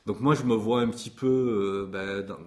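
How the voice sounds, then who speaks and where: Low-voiced man in his forties, hesitant. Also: steady tone, moderate pace, a little mellow. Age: 40s. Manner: hesitant, many fillers and restarts; passionate about his trade. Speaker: music publisher. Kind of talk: interview conversation.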